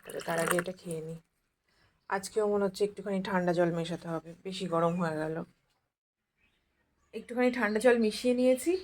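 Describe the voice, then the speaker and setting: Chatty young woman with regional Bengali accent. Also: on the high side. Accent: regional West Bengal Bengali. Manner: chatty, addresses viewers directly with asides. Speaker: vlogger. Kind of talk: casual daily-life vlog narration. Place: home, moving between rooms and rooftop.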